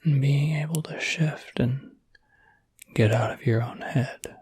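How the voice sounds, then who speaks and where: A man plays a gentle, reassuring werewolf caring for the listener in an intimate ASMR roleplay. He uses a very breathy, soft whisper at medium pitch, speaking slowly and haltingly in an easygoing, soothing, wistful way. The recording is dry.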